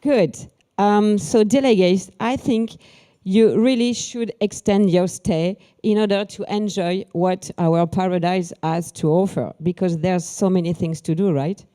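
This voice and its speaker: A woman's voice: mid-range voice, fairly even intonation, unhurried, warm tone. A woman co-presenting at a conference, reading scripted prompts to her partner. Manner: reads prompting questions to co-presenter. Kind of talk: scripted two-person presentation.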